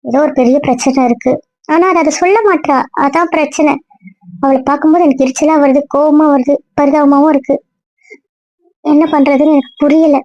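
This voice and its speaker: A woman's voice: a little high, steady tone, fairly quick, pauses often, mellow, no echo, dull audio, natural voice. A woman voicing an exasperated young woman who scolds her stubborn friend in an amateur audio drama. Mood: scolding.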